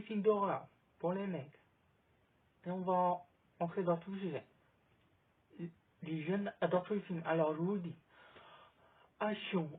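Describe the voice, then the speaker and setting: A man's voice: high-pitched, slightly rough. A man vlogging in a casual, rambling chat, filming himself on a phone outdoors. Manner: rambling, chatty recommendations. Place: outdoors in sunlight. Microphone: phone camera. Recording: thin phone-like sound.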